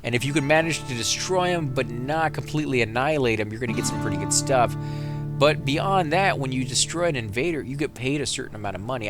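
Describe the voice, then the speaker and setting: A man giving casual, rambling let's play commentary, correcting himself as he goes and getting excited in fights. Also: medium pitch. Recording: game music loud behind voice. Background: game music and vehicle sounds.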